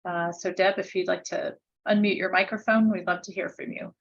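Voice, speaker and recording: Brisk woman moderator, dull audio. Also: on the low side, steady tone. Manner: brisk, polite, keeps things moving. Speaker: meeting moderator. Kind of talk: moderating a public webinar. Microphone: video call.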